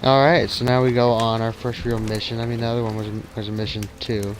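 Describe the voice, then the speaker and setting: A man's voice: mid-range voice, little pitch movement, quick pace, low-quality recording. A man talking casually as he plays and comments on a video game. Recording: clear background game noise. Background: game ambience.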